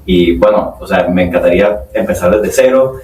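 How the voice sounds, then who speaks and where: A man's voice: sits low, moderate pace, a little mellow, a little hiss or hum. A man hosting a podcast interview, asking long, rambling questions full of fillers. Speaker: podcast host. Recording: echoey room, distant mic.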